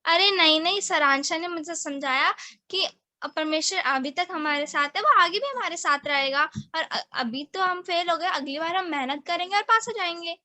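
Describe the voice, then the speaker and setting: A woman's voice: very high-pitched, normal speed, pushed and bright, heavily acted. A woman playing a tearful, naive teenage schoolgirl in an amateur church skit, earnest and easily swayed. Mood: relieved.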